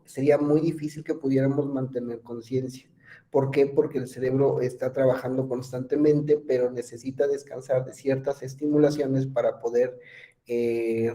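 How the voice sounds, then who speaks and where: A man's voice: mid-range voice, warm tone. A man giving an online psychology lecture, chatty, quizzing his students and using lots of fillers. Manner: conversational, asks students questions, many fillers.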